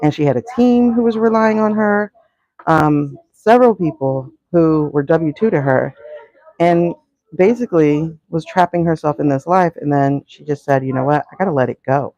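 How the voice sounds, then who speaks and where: A woman with a husky morning voice chats casually to her viewers while cooking, giving business coaching and calling them y'all. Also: low voice, normal speed, mellow, no room sound, dull audio. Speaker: brand coach. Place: home kitchen, cooking.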